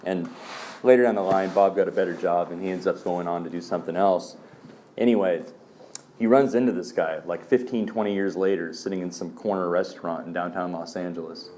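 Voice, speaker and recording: A man's voice: deep voice, steady tone, a little fast, mellow, a little hiss or hum. A man speaking at a recovery meeting, telling stories in a loose, casual way, with lots of "um" and "man". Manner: loose storyteller, fillers like "man" and "um". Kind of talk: casual personal talk.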